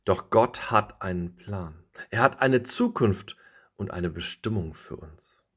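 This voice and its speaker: A man, a pastor, giving a scripted devotional reading and telling a story with an expressive delivery. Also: fairly low pitch, takes it slowly, husky.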